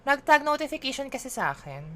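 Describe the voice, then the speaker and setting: A woman with a Filipino accent streams a game, chatting playfully in a mix of English and Filipino and teasing herself. Her voice is high-pitched, very animated, fast and a bit bright, with slight background noise.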